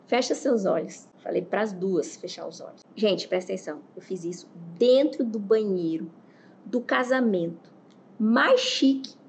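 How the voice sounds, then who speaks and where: Woman, therapist, motivational storytelling, animated, repetitive, gravelly, slight hiss behind. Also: medium pitch, a little slow. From Mato Grosso, Brazil. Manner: animated and repetitive, with vivid retelling. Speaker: therapist and speaker.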